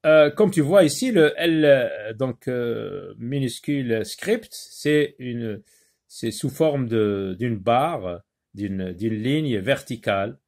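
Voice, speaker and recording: A man teaching a phonics lesson to young children, repeating words slowly and hesitating often. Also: mid-range voice, animated, darkish tone. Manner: slow and deliberate, repeats words and syllables; frequent hesitations with euh.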